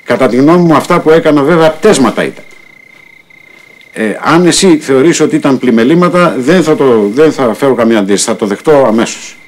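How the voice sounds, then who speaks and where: A man's voice: mid-range voice, expressive, lightly acted. An actor playing a glib male playboy debtor who theatrically pretends to have found religion. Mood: humble prayer. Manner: glib, theatrical, mock-pious. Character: smooth-talking male playboy debtor feigning piety. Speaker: actor in a TV comedy series. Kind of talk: sitcom acting.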